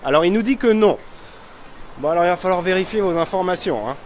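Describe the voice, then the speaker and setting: A man's voice: sits high, expressive, fast talker. A man hosting a casual live vlog on a town street, chatty and self-mocking, with many fillers and restarts. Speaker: vlogger showing a town on a live stream. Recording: faint street noise outdoors.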